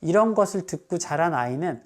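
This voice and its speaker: A male psychiatrist calmly explaining advice for parents, now and then acting out what a parent or child would say. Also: on the high side, brisk, faint music behind.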